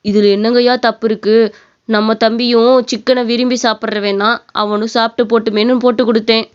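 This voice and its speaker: A humble, soft-hearted shop worker from a cartoon story pleads with his boss, voiced by a woman. The voice sits fairly high and sounds smooth and clear. The audio is dull and lo-fi. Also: little pitch movement, a little fast, natural voice. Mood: earnest. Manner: pleading, deferential.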